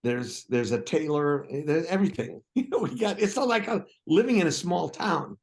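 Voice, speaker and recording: A man's voice: on the high side, animated, normal speed. A man from Wisconsin, a guest on a talk show, chatting casually in a wry, self-deprecating way. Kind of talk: casual chat.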